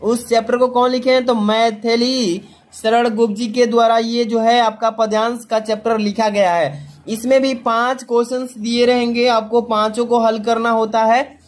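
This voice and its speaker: A man's voice: extremely high pitch, little pitch movement. A man with a Hindi accent from Uttar Pradesh, a teacher explaining an exam paper to students, often asking a question and answering it himself. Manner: rhetorical self-answering questions; slow sing-song recitation of verse.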